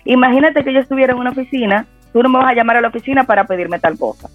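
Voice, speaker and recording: A man's voice: very high-pitched, very fast, no echo. Man on a tinny phone line. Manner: calm, explanatory, gives advice. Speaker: guest expert. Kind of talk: radio talk show discussion. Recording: tinny phone-line audio with faint music.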